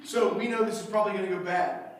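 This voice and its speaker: A high-pitched male pastor preaches in a big, echoing church sanctuary, heard from some distance away. He tells the story with animated energy and slips into the voices of its characters as he goes. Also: quick pace. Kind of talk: sermon.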